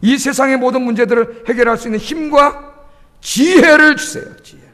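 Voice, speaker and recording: A man's voice: very high voice, steady tone, fast talker, a bit bright. A male pastor preaching a sermon, often asking the congregation questions and urging them on with emphasis. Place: church sanctuary. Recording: long church hall reverb.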